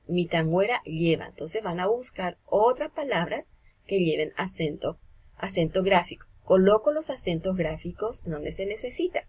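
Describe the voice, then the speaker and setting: A woman's voice: medium pitch, darkish tone, slightly rough. A woman, teaching a grammar lesson to children online and explaining patiently through examples.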